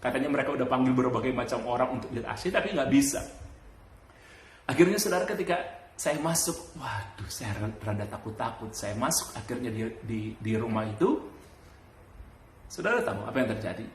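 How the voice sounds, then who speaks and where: Male pastor, animated sermon storyteller, mid-pitched voice, roomy echo, faint background hum. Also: brisk, long pauses. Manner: animated storytelling with sudden high bursts and laughs. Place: church.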